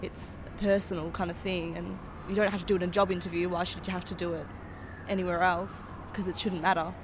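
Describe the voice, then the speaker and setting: A woman's voice: lowish voice, flat delivery, quick pace. A nineteen-year-old woman speaking casually in a street interview. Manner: casual, chatty. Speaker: member of the public. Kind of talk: casual vox pop. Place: outdoors in a city street. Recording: street noise with passing siren.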